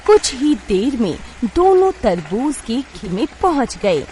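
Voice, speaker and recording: A woman narrating a children's moral story in a scripted, expressive way. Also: on the high side, unhurried, a little hiss or hum.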